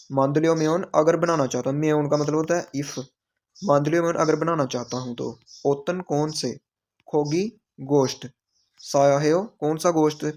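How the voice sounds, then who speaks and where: A man's voice: on the high side, a little mellow. A man teaching a language lesson, patiently explaining exam questions and repeating phrases and word meanings.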